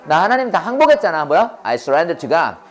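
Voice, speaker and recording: Brief: Korean-accented woman, lower voice, church English teacher, call-and-response drills, slow English then rapid explanation. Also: sing-song. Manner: drills words by repetition, prompting the class to repeat.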